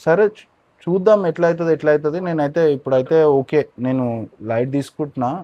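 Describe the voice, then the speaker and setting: A man's voice: a little high, quick pace, highs cut off, a little hiss or hum. A man, talking earnestly and pleadingly in an emotional on-camera conversation. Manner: earnest, pleading, often subdued. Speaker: regular of the show.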